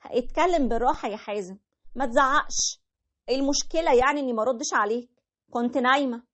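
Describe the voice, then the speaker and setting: A woman's voice: high voice, fast talker, a bit bright, voice pushed up. A woman voicing a petulant young wife with an Egyptian accent, whiny and complaining.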